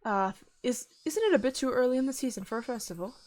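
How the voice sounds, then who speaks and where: A woman's voice: a little high, lively intonation, fast talker, darkish tone, lightly acted. A woman reading the lines of a wry, slightly flustered teenage boy in her own voice.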